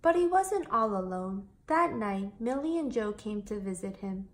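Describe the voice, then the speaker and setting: With a measured delivery and medium pitch, a woman reads a kids' picture book aloud, voicing it expressively like a storyteller.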